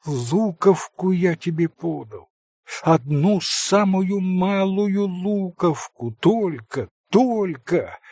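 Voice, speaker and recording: Man voicing a gentle, tender young monk. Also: high voice, expressive, drawn-out words, breathy edge, no echo, clean studio sound, voice pushed up, exaggerated voice. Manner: soft, tender.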